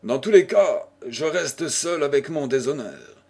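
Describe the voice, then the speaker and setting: A man's voice: a little high, expressive, a little slow, a little mellow, slightly rough, full character voice. A man voicing a proud young widow who firmly refuses a marriage, in a storybook reading. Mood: cool. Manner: firm, slightly ironic.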